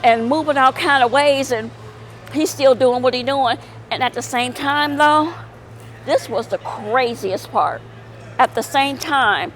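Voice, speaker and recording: Middle-aged woman, unhurried rambling vlog talk, faint traffic behind. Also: on the high side, rough recording. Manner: rambling, many fillers and repeats. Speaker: vlogger. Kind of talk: casual vlog monologue.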